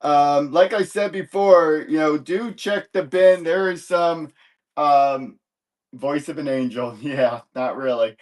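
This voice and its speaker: A man with a voice a touch higher than most chats unhurriedly through a live comic sale. He rambles in an easygoing way, catches his own slips and tosses in small jokes. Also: takes it slowly, darkish tone. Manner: rambling and easygoing, self-correcting with light jokes. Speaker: live-stream comic book seller. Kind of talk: casual live sales stream chat.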